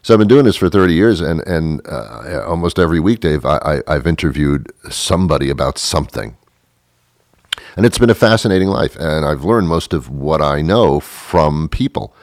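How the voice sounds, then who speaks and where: A man's voice: very deep voice, animated, moderate pace, no room sound, studio quality. A man in his thirties hosting a talk show, rambling through a sarcastic, self-mocking monologue that often trails off. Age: 30s.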